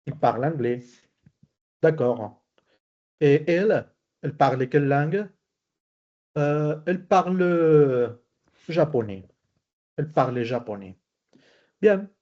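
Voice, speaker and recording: A man's voice: mid-range voice, animated, unhurried, long pauses, darkish tone, muffled recording. A man teaching French in an online lesson, explaining patiently and repeating each example phrase several times.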